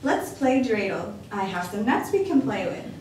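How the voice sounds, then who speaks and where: A woman lightly acts as a kindly, cheerful old grandmother who teases fondly, her medium-pitched voice slightly mellow with big pitch swings at a moderate pace. She's in an echoey room away from the mic, with faint noise.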